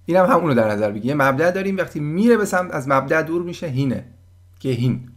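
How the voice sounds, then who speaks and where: A man giving a casual German lesson, patiently explaining words and sounding them out slowly. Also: a little high, animated. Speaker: German language teacher.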